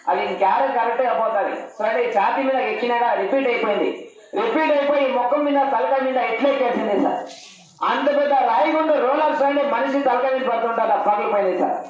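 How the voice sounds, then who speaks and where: A man giving loud street performer patter, pleading and repetitive, addressing the crowd respectfully. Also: extremely high pitch. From Andhra Pradesh, India, near Karnataka border. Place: live street show, picked up from a distance. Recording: echoey, distant, muffled live pickup.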